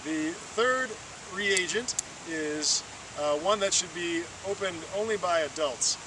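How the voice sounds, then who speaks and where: Standing by flowing water outdoors, this male water-quality field trainer speaks slowly in a high voice. His hands-on demonstration is patient, encouraging, and step by step, captured from a distant mic over loud stream noise.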